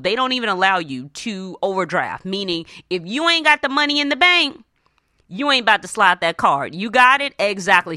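Her medium-pitched voice is bright and forceful, captured in clean studio quality without room sound. As host of a money advice show, she delivers motivational personal finance radio talk in an emphatic, colloquial style, regularly checking in with brief questions.

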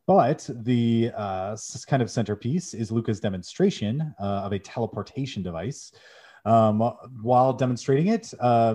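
This is casual podcast talk from a young man whose voice sits fairly low and sounds dark. As co-host, he excitedly walks through a game's storyline, filling gaps with frequent "um"s.

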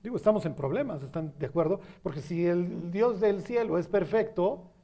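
With a dark tone and a voice that sits high, a man with a Mexican accent preaches at a normal speed. He talks conversationally and repeatedly checks, through questions, whether the congregation is with him.

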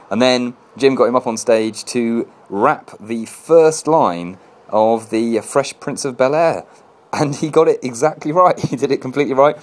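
A stand-up comedian with a notably low-pitched voice, talking to camera in a casual video diary. He sounds chatty and upbeat, wandering through his thoughts with plenty of fillers, out in an open festival courtyard.

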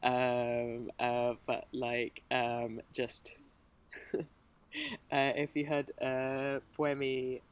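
A woman's voice: extremely low pitch, completely flat delivery, very slow, clear, resonant tone. A woman, a motorsport journalist, chatting as a podcast guest in a rambling, hesitant way with many restarts. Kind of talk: casual podcast chat.

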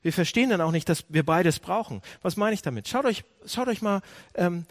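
A man's voice: high voice, brisk, dry recording, studio quality. A man preaching a sermon, asking his listeners questions and often restarting or correcting himself mid-phrase. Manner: animated preaching, asks the audience questions. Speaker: pastor. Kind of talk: sermon to a congregation.

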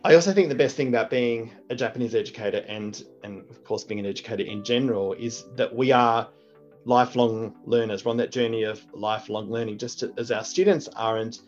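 Speaking a little fast in a mid-range voice, this native English speaker from Australia, a middle-aged teacher and deputy principal, answers interview questions in an earnest, thoughtful way with frequent restarts. Faint music plays under muffled, lo-fi audio.

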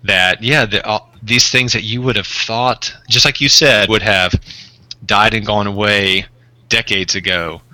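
A man speaking as the pediatrician guest on a podcast interview, talkative with dry humor and halting restarts. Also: fairly low pitch, fairly even intonation, bright, forceful tone, rough recording.

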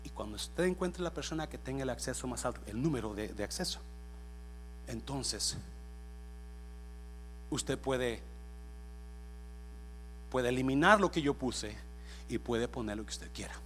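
A man's voice: medium pitch, lively intonation, a little slow, pauses often, fairly bright tone, a little hiss or hum, poor audio. A man voicing a curt, matter-of-fact male airline agent.

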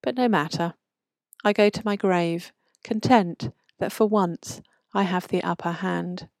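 A woman with a fairly low voice reads short stories and author bios aloud in a measured, deliberate manner. The sound is dry and close to the mic. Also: vocal fry, a little mellow, dry recording. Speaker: podcast host reading short stories.

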